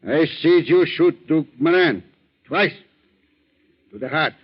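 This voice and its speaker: In 1940s radio acting, a man plays a falsely friendly fisherman turned blackmailer, speaking broken English with swooping intonation and drawn-out, insinuating threats that sound slyly menacing. His voice is a little high and lively, captured in a tinny, narrow-band, phone-like vintage recording.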